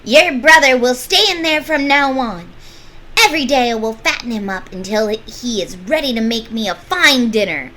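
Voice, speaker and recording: A woman voicing a cranky, greedy old witch in a storybook read-aloud, loud and snapping. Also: lowish voice, big pitch swings, unhurried, breathy edge, exaggerated voice, poor audio. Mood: gloating.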